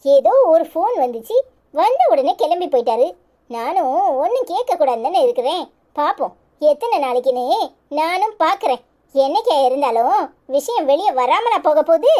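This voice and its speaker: A woman's voice: sits high, sing-song, moderate pace, warm tone. A woman voicing a resentful wife in a cartoon, muttering to herself in a Kanyakumari Tamil accent. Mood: bitter. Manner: muttering, bitter. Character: resentful sulking wife, Anitha, muttering alone. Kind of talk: cartoon voice acting.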